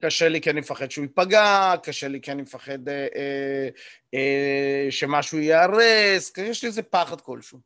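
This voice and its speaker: A man teaching a live group about communication, explaining step by step, checking in with listeners often and pausing on hesitation fillers. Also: on the high side, fairly bright tone, clear, resonant tone, no room sound, clean studio sound. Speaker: communication coach leading a workshop.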